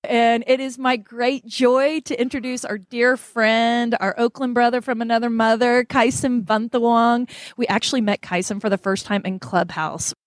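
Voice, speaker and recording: A woman's voice: fairly high pitch, level tone, normal speed, few pauses, no echo, clean studio sound. A woman with an Oklahoma accent co-hosting a podcast in a conversational, enthusiastic and folksy way. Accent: Oklahoma (Okie). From Oklahoma, United States. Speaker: podcast co-host.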